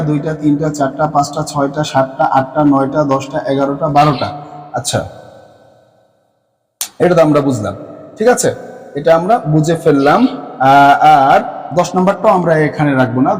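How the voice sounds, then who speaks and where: A male teacher with a Bangladeshi Bengali accent walks students through a grammar lesson. His voice sits somewhat high, and he keeps checking in with rising questions. The sound carries a long reverb, as if recorded in a hall. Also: a little mellow. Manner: counts through items slowly, repeating forms. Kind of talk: classroom lesson explaining grammar.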